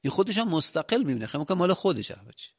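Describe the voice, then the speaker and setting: A man from Yazd with a Yazdi accent, giving a sermon with rhetorical questions and a loudness that rises and drops. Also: fairly high pitch, sing-song, vocal fry. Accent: Yazdi Persian. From Yazd, Iran. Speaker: preacher.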